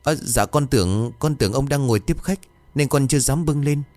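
A man's voice: mid-range voice, brisk, a little mellow, dry recording, faint music behind, pitched above the performer's own voice, natural voice. Man doing a timid frightened young servant. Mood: nervous. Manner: stammering, polite.

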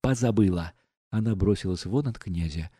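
A male audiobook narrator reads a classic novel in a measured, even manner. His voice is dark and mellow, sitting at an ordinary pitch. It is recorded close and completely dry. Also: no echo. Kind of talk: scripted literary narration.

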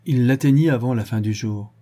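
Male audiobook narrator, very dark husky tone, measured storytelling. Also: mid-range voice. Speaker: audiobook reader. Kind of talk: scripted narration.

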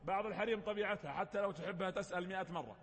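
A man with a very high, bright, forceful voice delivers a religious lecture as a story. He breaks down old accounts in everyday words and drops in the odd wry joke. His voice rings out with a long hall reverb behind it. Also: rapid-fire. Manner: retells sacred history with colloquial explanations and humorous asides.

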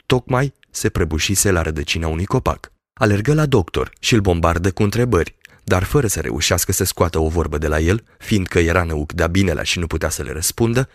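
A man reading a classic novel aloud as an audiobook, in steady, measured storytelling narration. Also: low voice, dry recording, clean studio sound. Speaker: audiobook reader. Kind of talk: scripted literary narration.

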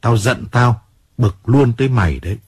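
A man's voice: medium pitch, animated, moderate pace, slightly rough, dry recording. A male audiobook narrator voicing Johnny, a 35-year-old fading singer who is drunk, bitter and full of self-pity. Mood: remorseful. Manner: remorseful, self-pitying outbursts. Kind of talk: audiobook character reading.

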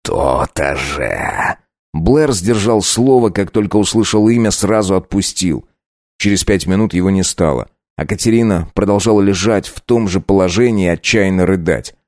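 A man narrating a dark audiobook in a steady storytelling voice. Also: deep voice, moderate pace, dry recording, studio quality.

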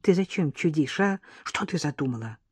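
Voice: medium pitch, expressive, normal speed, a little mellow, breathy edge, dry recording. A reader voicing a persistent young nanny who presses and coaxes with questions, in an audiobook. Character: persistent young female nanny, worried and curious. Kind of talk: audiobook character voice.

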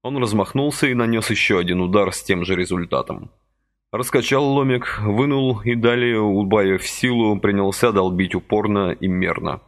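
A man narrating a novel as an audiobook with expressive storytelling. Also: fairly low pitch, normal speed. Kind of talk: scripted literary narration.

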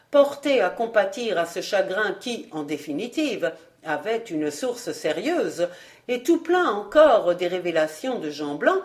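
Woman narrating a classic novel evenly. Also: medium pitch. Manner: measured, even storytelling. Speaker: audiobook reader.

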